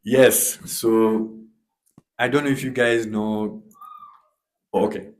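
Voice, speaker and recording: A Kenyan man with a fairly low voice speaks as a guest on a panel. He talks in a relaxed, chatty way. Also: slow, a little hiss or hum. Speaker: comic artist guest. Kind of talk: panel discussion.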